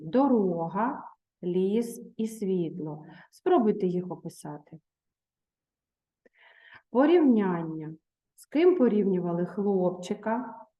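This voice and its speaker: A woman teacher reading a children's story aloud, then patiently guiding pupils through questions and homework in a measured voice. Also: medium pitch, dark tone. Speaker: primary school teacher.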